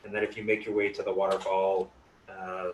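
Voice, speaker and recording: A man casually narrating a tabletop game as game master, in a halting, improvised way. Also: deep voice, monotone, echoey room, slight background noise, low-quality recording.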